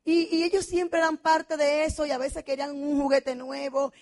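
Passionate middle-aged woman, high voice. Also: level tone, moderate pace. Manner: passionate, dramatic storytelling with vivid quoted dialogue and frequent shouting. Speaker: motivational speaker at a business convention. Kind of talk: emotional testimonial talk.

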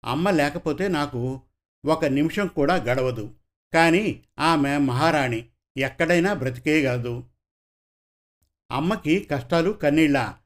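A man reading as a gentle aging father. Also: fairly high pitch, unhurried, long pauses, natural voice. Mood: tender. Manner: warm, storytelling to his daughter.

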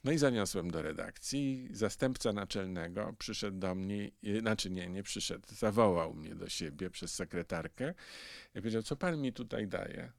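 A man's voice: low-pitched, normal speed, creaky, no echo, clean studio sound. A man in his sixties from Poland, telling stories about his career in an interview and acting out the dialogues. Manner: lively storyteller who acts out dialogues. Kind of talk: casual storytelling.

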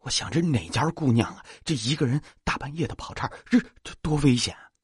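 A man's voice: mid-range voice, lively intonation, fast, husky, no echo, studio quality, pitched above the performer's own voice. A man doing a jittery stammering young guy. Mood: flustered. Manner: stammering, repeating words.

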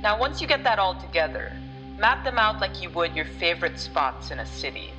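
A playful explorer guide, played by a woman, gives scripted instructions in a fairly low voice. Music plays clearly behind the narration. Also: big pitch swings, brisk, low-quality recording. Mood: earnest, encouraging. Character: playful explorer guide setting a self-discovery task.

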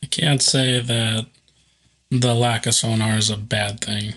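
A man in casual podcast chat, dry and quick to argue his point. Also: on the low side, level tone, a bit bright. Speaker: podcast co-host.

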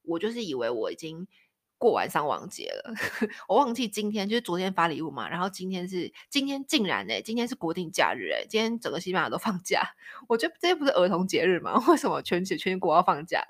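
A woman's voice: lowish voice, wildly swooping pitch, fast talker. A woman in her thirties from Taiwan with a Taiwanese Mandarin accent, hosting a casual storytelling chat. She laughs often and acts out the voices of people in her stories. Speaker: podcast host.

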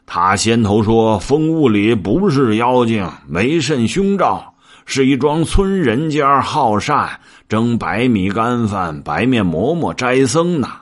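A man's voice: mid-range voice, sing-song, slow pace, pitched above the performer's own voice. A man doing Zhu Bajie, whiny blustering pig-monk. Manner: complaining, blustering. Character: greedy clumsy pig-monk, whiny and boastful.

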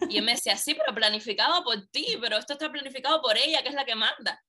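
A woman's voice: on the high side, racing. A woman guest, telling a personal story in conversation and acting out the dialogue. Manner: animated, acts out quoted dialogue. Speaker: interview guest.

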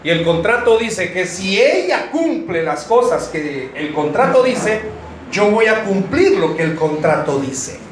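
A man preaches to couples in a bright, high voice, teasing the congregation and drawing laughs. His voice rings around a roomy church hall over a faint hiss. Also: very animated, a little slow. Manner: joking, addresses the congregation directly. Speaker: pastor. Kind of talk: sermon to married couples.

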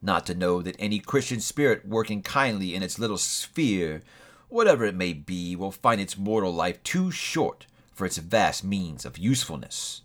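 Playing a mournful, chained old ghost who is doomed, solemn and grieving, a man speaks in a low-pitched, fairly bright voice. The lines come out slow, heavy and full of sorrow.

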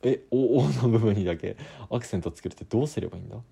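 A man's voice: fairly low pitch, very fast, gravelly, mellow, breathy edge. A man hosting a casual solo podcast, musing aloud as he tries out different regional word accents. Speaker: podcast host.

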